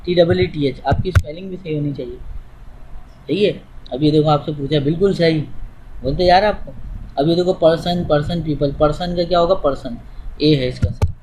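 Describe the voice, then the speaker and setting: A man's voice: on the high side, a little mellow, slight background noise, low-quality recording. A man teaching English, explaining step by step in an informal way to a student while demonstrating on screen.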